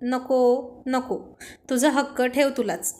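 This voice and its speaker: A woman's voice: sits high, steady tone, slow pace, a little mellow, a little hiss or hum. A woman voicing a playful young man who teases his friends in a spoken story. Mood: teasing. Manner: playful, teasing.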